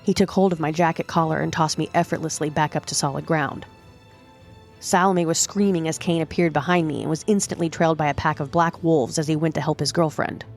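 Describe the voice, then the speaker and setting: Woman narrator, low voice, steady dramatic storytelling, faint music. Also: a little fast. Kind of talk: first-person audiobook narration.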